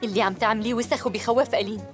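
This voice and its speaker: A distressed young woman played by a woman speaks Syrian Levantine Arabic in a dubbed drama. Her voice is fairly high and quick, with music behind it. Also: fairly even intonation, lightly acted. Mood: distressed, reproachful. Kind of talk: dubbed television drama dialogue.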